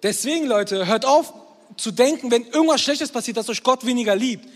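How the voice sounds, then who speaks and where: High-voiced young man preaching in a hall. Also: a little fast. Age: 20s. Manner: energetic, keeps checking in with the crowd. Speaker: youth preacher. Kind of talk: sermon to a live crowd. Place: hall with an audience, also streamed. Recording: long hall reverb.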